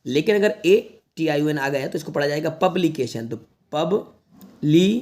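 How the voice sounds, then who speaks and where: A man leads an online lesson aimed at students. He reads each word slowly and repeats it several times. He keeps reassuring the viewers, who he calls children. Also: on the high side, darkish tone. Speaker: English teacher.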